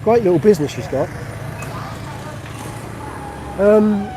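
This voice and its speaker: A middle-aged Englishman, a vlogger, chats casually on a live-streamed walking tour of a street market, narrating in a friendly way as he goes. His voice sits high, expressive and brisk, with noise in the background.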